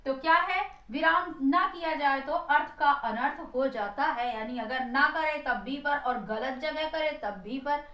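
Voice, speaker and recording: A woman teacher with a high voice delivers an exam-prep grammar lesson. She poses questions and answers them herself, repeating key phrases so they stick. The sound carries a roomy echo. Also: unhurried, few pauses, pushed and bright.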